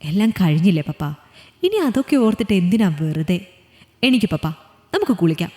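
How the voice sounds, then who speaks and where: A woman voicing a young adult daughter in a storybook reading, soft and pleading. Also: mid-range voice, very animated, moderate pace, in a large hall, close to an everyday voice. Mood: tender. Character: young adult daughter, tender then shattered.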